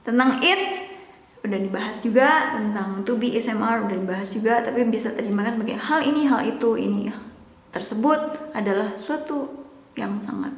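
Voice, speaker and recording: A young woman giving a casual language lesson, explaining slowly, repeating words and joking now and then. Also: on the high side. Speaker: English teacher. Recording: echoey room with long reverb.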